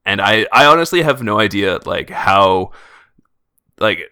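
A man's voice: on the low side, lively intonation, measured pace, bright, forceful tone, smooth, dry recording, clean studio sound. A man co-hosting a podcast in casual chat, laying out his ideas at length. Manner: thoughtful, explaining a theory at length. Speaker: podcast co-host.

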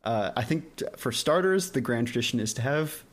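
A man's voice: medium pitch, expressive, fairly quick. A man hosting an anime podcast in casual chat, joking and laughing often. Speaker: podcast host.

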